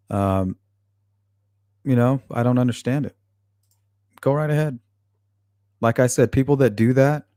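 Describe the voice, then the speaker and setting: Reading his live chat aloud, a channel host fires back blunt, profane replies to viewers in a casual livestream. He has a warm, medium-pitched male voice captured with clean studio sound and no room sound.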